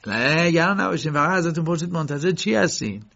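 A man reading an audiobook and voicing an evasive male court attendant who talks in a soothing, quietly insistent way. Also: medium pitch, no room sound, close to an everyday voice. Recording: dull lo-fi recording.

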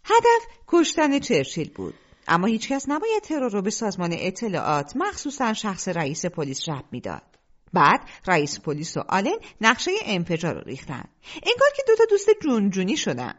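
A woman narrates an audiobook in a storytelling voice, her pitch rising and falling across a very wide range. The sound is dull and lo-fi, without crisp highs. She keeps it lively throughout.

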